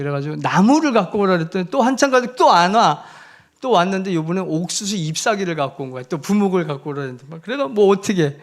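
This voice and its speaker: Speaking in a church, a missionary man relates his own story as a sermon, his fairly high voice rising and falling in volume with energy. His delivery stays conversational and is packed with filler words.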